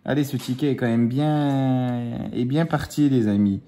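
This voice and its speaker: A man's voice: medium pitch, dark tone, slight background noise. A man chatting casually at home while scratching lottery tickets, teasing his kids and drawing out the numbers. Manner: playful, teasing, drawn-out number counting. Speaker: scratch-card vlogger. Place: at home with his children nearby.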